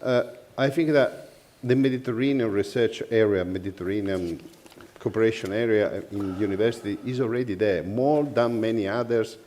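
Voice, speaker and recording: A man with an Italian accent speaks earnestly as a panelist in a forum discussion, representing a university network. His voice is on the low side with a darkish tone, at normal speed.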